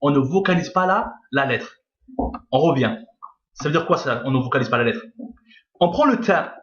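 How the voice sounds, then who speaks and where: A man's voice: a little high, lively intonation, moderate pace, fairly bright tone. A man teaching a reading lesson, patient, repeating each point and checking that his listeners follow. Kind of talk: screen-recorded reading lesson. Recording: lo-fi echoey room.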